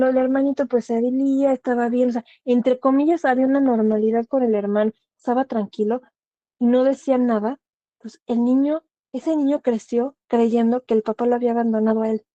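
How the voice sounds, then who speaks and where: A woman's voice: a little high, warm tone, no echo, muffled recording. A woman thanatologist, speaking earnestly and giving direct advice, often asking rhetorical questions. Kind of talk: explanatory talk.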